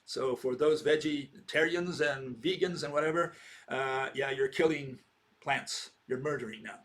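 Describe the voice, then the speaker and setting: A man's voice: medium pitch, unhurried, a bit bright. A man in his sixties giving a rambling informal lecture, posing rhetorical questions and checking in with "okay?". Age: 60s.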